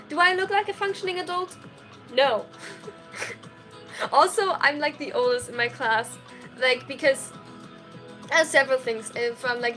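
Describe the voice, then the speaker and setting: A twenty-one-year-old woman, a streamer and college student, chats casually on a livestream, giggling as she answers viewer questions with plenty of "like" and "um." Her voice is high and bright with a forceful tone.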